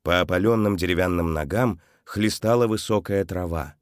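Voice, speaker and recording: Low dry-voiced male storyteller. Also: moderate pace, clean tone, dry recording. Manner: expressive, dramatic storytelling. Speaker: narrator. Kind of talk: storybook narration.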